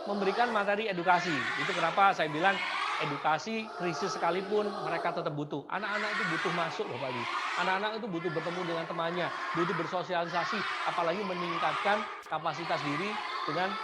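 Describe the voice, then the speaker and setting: A woman presenting a seminar to teachers, often addressing the audience and modeling simple English phrases slowly. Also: fairly low pitch, heavy background noise.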